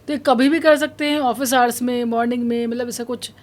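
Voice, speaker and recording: A woman's voice: a little high, steady tone, a little fast. A woman hosting an interview, asking short, curious questions of her guest. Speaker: show host.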